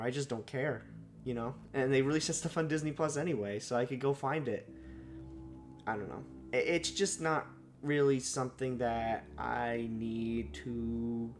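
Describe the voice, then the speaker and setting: A young movie reviewer with a medium-pitched voice and a slightly sore, raspy throat gives unscripted first impressions of a film. He rambles, using lots of fillers and correcting himself.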